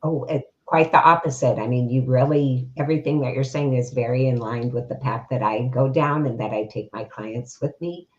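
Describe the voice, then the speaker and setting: A woman retirement coach giving earnest, steady interview answers. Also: extremely low pitch, normal speed, hardly any pauses. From United States. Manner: earnest, steady, uses fillers. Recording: slightly dull, lo-fi.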